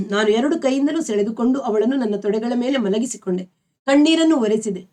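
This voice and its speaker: A woman with a Kannada accent reading a novel aloud as a storyteller, in a steady, expressive way. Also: fairly high pitch, moderate pace.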